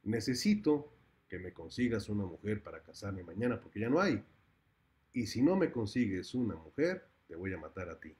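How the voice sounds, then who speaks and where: A man's voice: fairly low pitch, sing-song, normal speed, a little mellow. A man doing a jealous, ruthless king. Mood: threatening. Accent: Mexican Spanish. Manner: brooding then bluff and boastful.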